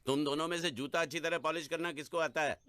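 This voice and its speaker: An actor playing a stern, cunning rich moneylender who gives gruff, mocking orders. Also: male voice, fairly high pitch, steady tone, fast, sharp tone, slight background noise. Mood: commanding. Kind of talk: film comedy dialogue.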